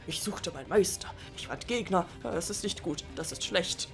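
A woman voicing a strange creature in a video game, speaking in halting, clipped simple sentences. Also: lowish voice, animated, over music. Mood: pleading.

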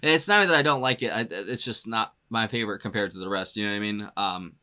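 This man's music reaction is loose and chatty, full of "you know" and "like," with frequent laughter between ideas. His voice sits on the low side yet sounds bright, forceful and clean, and he talks at a quick pace.

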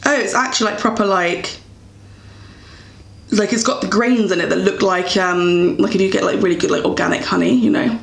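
A woman's voice: medium pitch, brisk, vocal fry. A young English woman chatting casually while reviewing beauty products, with lots of fillers and self-corrections. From England. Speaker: beauty vlogger. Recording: echoey room.

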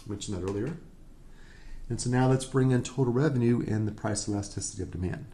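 A man with a medium-pitched, warm voice gives a recorded economics lecture at a quick pace. As the instructor, he works through problems step by step, often checking in with "right?".

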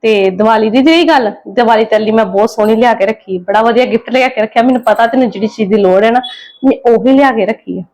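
A woman playing a kindly middle-aged lady of the house who soothes and gently lectures her maid, in a family drama skit. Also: on the high side, fast talker, close to an everyday voice. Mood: soothing. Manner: soothing, gently scolding, preachy.

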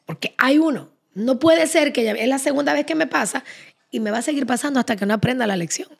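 A woman's voice: high voice, quick pace, gravelly, husky. A woman guest on a podcast in casual chat, speaking effusively and full of praise. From Cuba. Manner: effusive, blessing and praising warmly.

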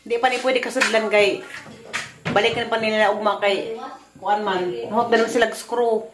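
A woman's voice: a little high, fairly even intonation, moderate pace, crowd noise. A woman chatting casually to the camera in a home vlog, laughing often. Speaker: vlogger.

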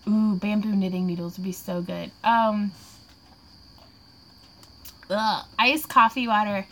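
A woman's voice: mid-range voice, sharp tone. A woman, chatting and laughing a lot while crafting on a live Q&A, a little tipsy. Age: 20s. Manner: giggly and rambling, laughs often. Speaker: craft vlogger hosting a live Q&A. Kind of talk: casual livestream chat while crafting.

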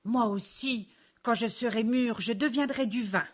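A woman voicing a hot-tempered young male red grape in a storybook reading, speaking lower and more forcefully than her narration, with a grumbling manner. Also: husky. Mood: earnest. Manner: grumbling, quick to anger.

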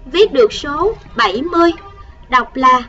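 High-voiced woman teaching children to count. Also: expressive, recorded from a distance, highs cut off, a little hiss or hum. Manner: patient, slow counting, coaxing children with gentle prompts. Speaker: primary school math teacher. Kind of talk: recorded math lesson for first graders.

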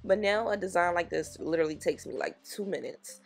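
Raspy, gravelly woman talking through nails. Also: on the low side, a little fast. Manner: chatty and encouraging, talks straight to viewers. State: raspy from just waking up. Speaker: nail technician. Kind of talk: casual tutorial voice-over.

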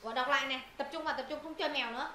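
A woman teacher runs a pronunciation drill, repeating words and quizzing her students. Her voice is high and bright. It rings in an echoey room with faint background noise. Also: rapid-fire. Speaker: English teacher. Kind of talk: live pronunciation lesson to students.

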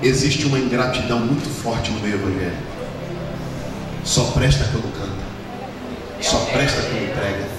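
Fervent shouting preacher in an echoey hall. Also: male voice, normal speed, pauses often. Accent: Brazilian Portuguese. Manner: fervent, swings from low murmurs to shouted peaks. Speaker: pastor. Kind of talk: sermon. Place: large church hall. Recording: echoey hall, distant mic, background noise.

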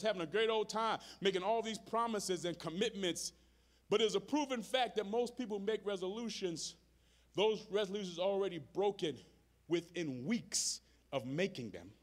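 In the sanctuary during a live service, a pastor's sermon rings out in a fairly high male voice with wide swings in pitch. He talks plainly, calls to the crowd facing him, and keeps repeating phrases in a steady beat to press his message.

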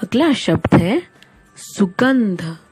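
A woman teacher giving a slow spelling dictation to young children, repeating each word and breaking it into sounds with patient care. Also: mid-range voice, sing-song, darkish tone, slightly rough.

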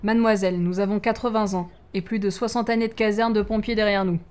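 A polite, formal old man in his eighties from a read-aloud story, as a woman puts him on. He speaks in measured, courteous sentences at a middle pitch. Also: steady tone, a little mellow, clean tone, natural voice. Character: formal elderly retired male firefighter, in his eighties.

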